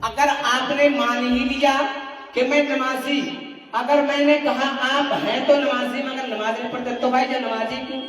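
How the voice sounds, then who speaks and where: A male preacher with a very high voice builds his sermon from rhythmic, repeating lists and rhetorical questions. He sounds distant from the microphone, and his voice rings through a large, reverberant hall. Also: little pitch movement, normal speed, a bit bright. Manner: rhythmic, repetitive rhetorical listing, prompts audience responses. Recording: echoey hall, distant mic.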